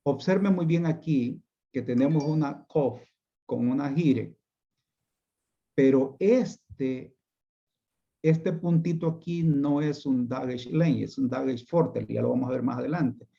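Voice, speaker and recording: Slow, patient male teacher, muffled audio. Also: medium pitch, creaky, dark tone. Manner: slow, patient explaining with repetitions. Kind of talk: online class lecture.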